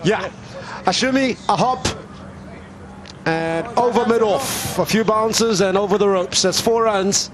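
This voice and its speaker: A man giving live cricket commentary in measured, clipped short phrases. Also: sits high, a crowd in the background.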